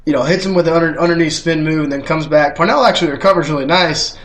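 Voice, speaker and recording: A man's voice: a little high, quick pace, fairly bright tone. A young man hosting a casual sports podcast, blunt and teasing, swearing freely as he talks. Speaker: podcast host.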